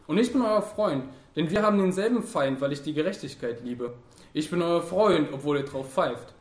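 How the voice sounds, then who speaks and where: A man's voice: on the high side, animated, normal speed, reverberant, natural voice. A man voicing an ironic, thoughtful young moralist in an audiobook, lecturing with dry irony.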